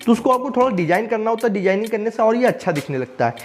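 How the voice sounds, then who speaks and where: A man's voice: high-pitched, lively intonation, very fast, slight background noise. A young man explaining a coding tutorial step by step, often checking in with the viewer as he works on screen.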